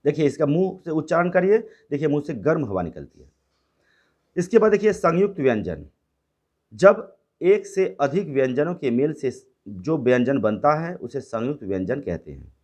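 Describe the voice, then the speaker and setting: Male teacher, lively up-and-down delivery, explains each rule and then restates it in simpler words with mixed-language asides. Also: fairly high pitch, moderate pace, muffled recording. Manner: explains by repeating, switching to English and Bengali words. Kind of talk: classroom grammar lesson.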